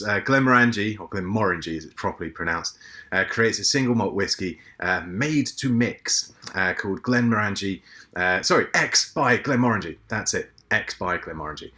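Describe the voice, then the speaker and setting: A man's voice: low-pitched, pushed and bright. A British man co-hosting a podcast and running through the news segment with enthusiasm and wry asides. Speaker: podcast co-host reading the news.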